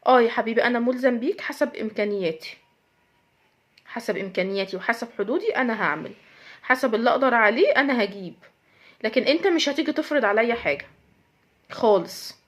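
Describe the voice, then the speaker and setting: A woman's voice: fairly high pitch, quick pace, long pauses, muffled recording. A woman with an Egyptian accent, hosting an advice talk for women, speaking earnestly and emphatically with a lot of repetition. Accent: Egyptian Arabic. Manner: earnest, emphatic, lecturing with repeated phrases. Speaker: host giving advice to women. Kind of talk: direct-address advice talk.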